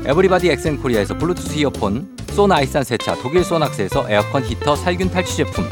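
A man with a slightly high voice hosts a morning radio show. He delivers quiz and giveaway announcements in an upbeat, punchy announcer style, with music clearly playing behind him. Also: animated, quick pace.

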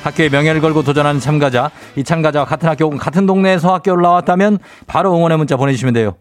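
A man's voice: on the high side, very fast, dry recording, studio quality, faint music behind. A man hosting a radio call-in quiz segment, bantering playfully with a caller and reading out questions.

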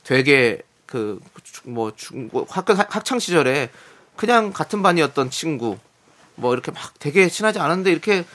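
Bright-voiced male radio host. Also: a little high, big pitch swings, normal speed. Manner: chatty, explaining. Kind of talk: radio chat.

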